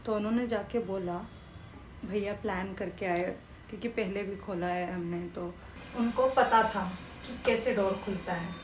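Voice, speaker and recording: Slow-talking young woman telling a story. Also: mid-range voice. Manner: animated storytelling, mixes English phrases into her talk. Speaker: vlogger. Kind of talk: casual storytelling vlog. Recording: echoey room with faint background noise.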